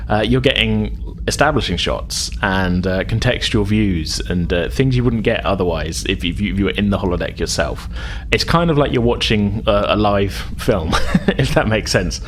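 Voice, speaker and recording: At a moderate pace, the low-voiced game master explains things informally and hesitantly, groping through his sentences and adding chuckling asides. There's background music and a bit of background noise.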